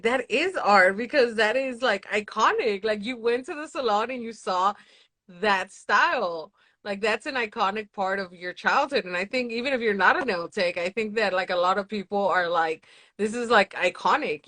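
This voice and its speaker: A woman's voice: fairly high pitch, fairly bright tone. A young adult woman hosting a casual interview, bubbly and chatty, laughing often. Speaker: show host.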